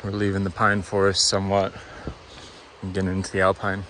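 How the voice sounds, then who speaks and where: A man filming himself on a mountain trail outdoors, casually narrating his hike in a relaxed way and chatting to his dog. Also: low voice, brisk, slight background noise. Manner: relaxed, talks to his dog between remarks. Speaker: hiker filming his own vlog. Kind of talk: casual narration while hiking.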